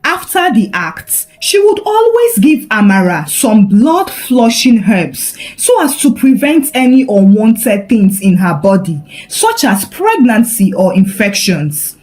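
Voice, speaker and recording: Reading a scripted folktale, a woman uses a fairly high voice and a dramatic, expressive storytelling style. She takes it slowly and pauses little.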